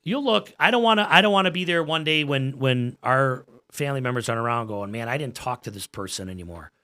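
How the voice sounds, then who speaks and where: An American gym owner and coach in his forties talks casually as a guest on a podcast, earnest and emphatic, often circling back to repeat his phrases. His mid-range voice is bright and forceful, with lively intonation and a fast delivery.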